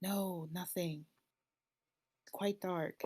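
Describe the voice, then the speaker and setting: A woman playing a tabletop game, speaking softly. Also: fairly low pitch, steady tone, slow, dry recording. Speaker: player. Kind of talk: casual tabletop play.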